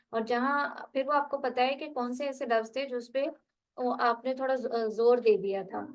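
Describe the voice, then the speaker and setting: A woman's voice: high voice, rough recording. A woman tutoring a student one-on-one for a spoken English test, patiently correcting word stress and reading. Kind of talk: online tutoring session.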